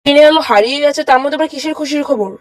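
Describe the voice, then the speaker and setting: A woman voicing a man called Mister Mitt, answering quickly on a phone call. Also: sits high, dry recording, close to an everyday voice.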